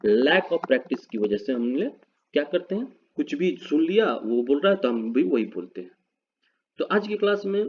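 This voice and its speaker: Male teacher, lively pitch, spells words slowly, lo-fi sound. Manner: quizzes the viewer, then answers himself. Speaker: English teacher. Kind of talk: spoken English lesson. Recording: dull lo-fi recording.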